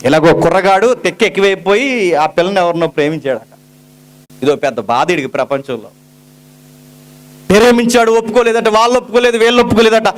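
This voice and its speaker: A man preaching an impassioned sermon, dramatically acting out the pleas of suffering people. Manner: impassioned, dramatic, quotes sufferers in a low pleading voice. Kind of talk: Telugu sermon.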